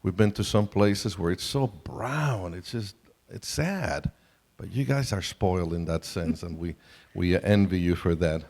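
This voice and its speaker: Speaking through the reverberant sound system of a large camp-meeting hall, a middle-aged or older man with a Colombian accent gives a conversational family seminar talk to an audience. His voice is low-pitched and darkish, expressive, and a little slow.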